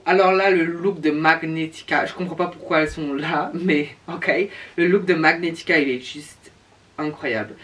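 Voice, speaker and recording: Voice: medium pitch, a bit bright. A speaker giving casual reaction commentary in a sassy, campy drag-queen manner, stretching words for emphasis. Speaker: reviewer. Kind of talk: casual reaction commentary reviewing show looks. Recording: distant microphone.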